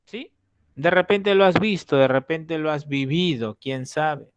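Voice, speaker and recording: A man teaching an entrance-exam prep class, walking through concepts with acted-out examples. His voice sits fairly high and he keeps checking in with listeners as he explains. The recording is dry and close, with no room sound. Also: a little slow, smooth, no echo, dull audio.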